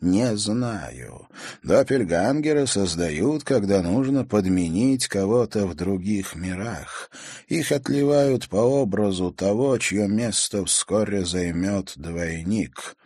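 A man's voice: on the low side, lively intonation, slow pace, a little mellow, no room sound, clean studio sound, heavily acted. A man voicing a sullen, evasive male doppelganger from a mirror world in an audiobook. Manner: grudging, terse replies. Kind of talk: audiobook character voice.

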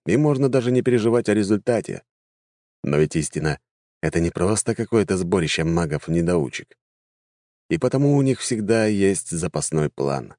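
A man narrating a fantasy audiobook in a wry, lively storytelling manner. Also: low voice, no echo, clean studio sound.

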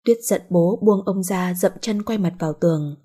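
A woman narrating a novel in a plain, even reading. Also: fairly low pitch, moderate pace, husky. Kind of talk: storybook narration.

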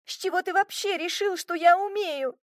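A woman voicing a hot-tempered young witch who shouts and curses indignantly in an audiobook. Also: very high-pitched, normal speed, dry recording, clean studio sound, voice pushed up. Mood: furious. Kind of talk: audiobook reading.

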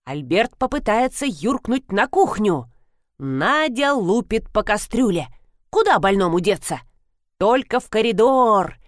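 A woman reading a comic novel aloud as an audiobook, in brisk, animated narration. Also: on the high side, no echo, studio quality. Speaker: audiobook reader.

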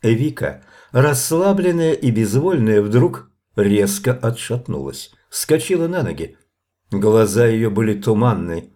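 A man reading a novel aloud as narrator in a measured, even storytelling manner. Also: lowish voice.

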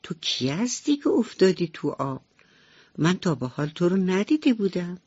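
A woman's voice: sing-song, darkish tone, slightly rough, no echo. A woman doing a timid little mouse kid. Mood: curious. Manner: whining, pleading, high and childlike. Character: timid little mouse child, whiny and easily scared. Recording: slightly dull radio recording.

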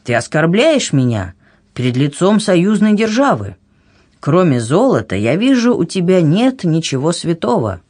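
A woman voicing a touchy, pompous king who shouts in offence. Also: lowish voice, sing-song, moderate pace. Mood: angry. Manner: angry, offended exclamations. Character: irritable older male king, pompous and touchy.

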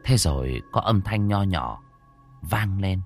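A man narrating a first-person horror story in an expressive, dramatic way. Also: low voice, slow pace, faint music behind.

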